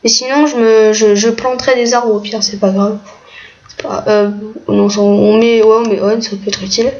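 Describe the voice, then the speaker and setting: A woman's voice: on the high side, steady tone, moderate pace, darkish tone. A woman giving casual, hesitant commentary while playing a game, with many fillers. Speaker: gaming video creator. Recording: muffled lo-fi mic, faint noise, keyboard clicks.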